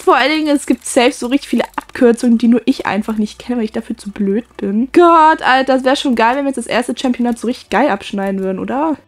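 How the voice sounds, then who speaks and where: A young woman giving casual gameplay commentary at home on a USB desk mic, excitable and swearing at the game. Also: a little high. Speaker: gaming YouTuber. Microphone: USB desk microphone.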